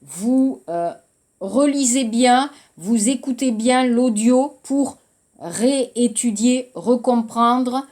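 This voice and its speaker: A woman's voice: on the high side, takes it slowly, a little mellow. A woman from France teaching a French class, explaining patiently and repeating phrases, with a few Korean words mixed in.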